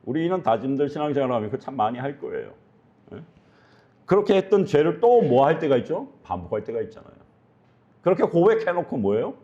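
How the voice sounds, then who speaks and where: A man's voice: on the high side, sing-song, fast talker, warm tone, muffled recording. A male pastor preaching earnestly, often putting questions to his congregation. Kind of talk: sermon.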